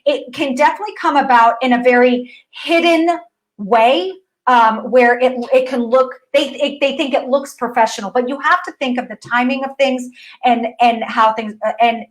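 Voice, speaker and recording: A woman dance physical therapist teaching an online course lesson in a casual, animated way, talking straight to viewers and often restarting her sentences. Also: a little high, poor audio. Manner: reads messages aloud.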